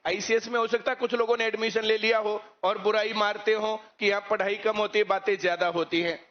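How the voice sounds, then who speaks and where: A man, a coaching teacher who lectures students on current issues and keeps asking rhetorical questions. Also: high voice. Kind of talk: speech to students. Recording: muffled lo-fi recording.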